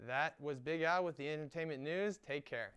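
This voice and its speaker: This student presenter, a young man, delivers upbeat scripted segments and conducts a guest interview. His fairly high voice is smooth and a bit bright, moving at a normal speed.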